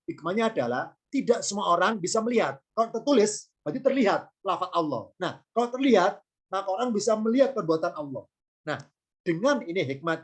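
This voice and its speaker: A man's voice: high-pitched, slightly rough. Chatty male ustadz teaching by example. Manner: conversational, repetitive, explains through everyday examples. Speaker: Islamic teacher. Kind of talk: informal religious grammar lesson.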